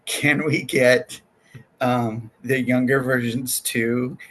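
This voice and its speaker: A man hosting a podcast in casual chat, excitable and halting, with lots of fillers and restarts. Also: mid-range voice, low-quality recording. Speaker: podcast host.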